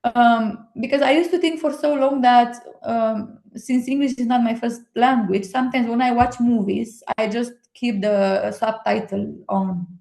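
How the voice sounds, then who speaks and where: A young woman from Romania speaking English with a Romanian accent, chatting as a guest in a hesitant, excited way with many fillers. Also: a little high, measured pace, creaky, hardly any pauses. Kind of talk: casual conversation. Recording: echoey room.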